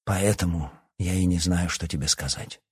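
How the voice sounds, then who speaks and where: A man voicing a guarded, hesitant young werewolf heir in an audiobook, speaking softly. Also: low voice, normal speed, husky, dry recording, clean studio sound, voice pushed down.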